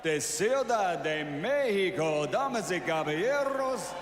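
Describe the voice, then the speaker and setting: A man working as a bilingual ring announcer, giving showy, drawn-out shouted introductions in the manner of a lucha libre announcer. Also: high-pitched, big pitch swings. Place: large indoor boxing arena. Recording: echoey arena PA with loud crowd noise.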